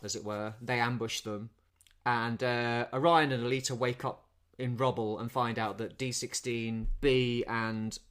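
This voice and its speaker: Guy rambling thru a movie plot on a podcast, keeps restarting his sentences, middle pitch. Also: a bit bright. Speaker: podcast co-host. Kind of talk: casual film review chat.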